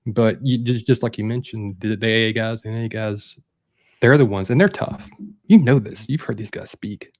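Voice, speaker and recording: A man's voice: on the low side, normal speed. A man speaking as a guest on a casual interview, emphatic and full of stumbling restarts and repeated words. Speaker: guest, mental health coach.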